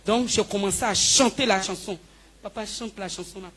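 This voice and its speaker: A woman giving a spoken healing testimony in church, telling her story with lively, acted-out dialogue. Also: mid-range voice, normal speed, heavy background noise. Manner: animated storytelling, acting out dialogue with the pastor. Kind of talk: spoken testimony before a congregation.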